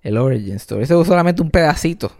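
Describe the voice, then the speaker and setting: Animated, gravelly man. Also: fast. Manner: animated storyteller, acts out voices with high-pitched whines; mixes in English words. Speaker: podcast co-host. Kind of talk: casual storytelling chat.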